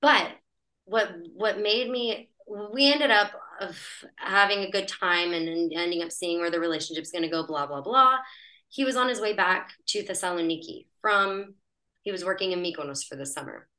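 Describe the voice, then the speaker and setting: Laughing as she goes, this American podcast guest tells a personal story in a breezy, chatty manner. Her voice sits on the low side, with lively intonation and a pushed, bright quality at a moderate pace, though the audio is poor.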